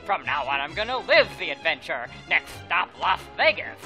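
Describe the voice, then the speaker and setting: Daffy Duck, excitable lisping cartoon duck. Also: male voice, fairly high pitch, moderate pace, faint music behind. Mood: excited. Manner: theatrical, wisecracking. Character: vain, greedy, excitable male cartoon duck. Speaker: amateur voice actor in a fan dub. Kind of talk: exaggerated cartoon voice acting.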